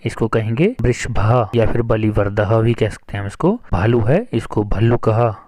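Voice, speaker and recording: A man teaching a school Sanskrit lesson, reading each word and then giving its meaning in a measured, explanatory way. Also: on the low side, dark tone, no room sound. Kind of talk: slow explanatory lesson narration.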